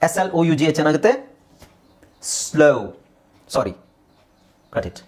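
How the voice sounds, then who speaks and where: A young man teaching English with a Kannada accent, his voice sitting a little high and swinging widely in pitch. He sounds out words one at a time, repeats them, and asks questions that he then answers himself. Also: expressive, fast talker, darkish tone. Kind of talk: spoken English lesson.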